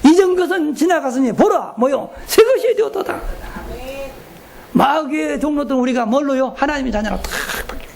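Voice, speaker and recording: Gravelly animated male pastor preaching. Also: extremely high pitch, brisk, a little hiss or hum. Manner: folksy, joking, asks the crowd questions. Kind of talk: lively retreat sermon.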